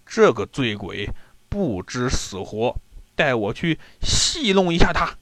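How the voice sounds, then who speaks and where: A man's voice: mid-range voice, sing-song, slow, a bit bright, voice pushed down, heavily acted. A man doing a huge, taunting enemy warrior. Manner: taunting, scornful.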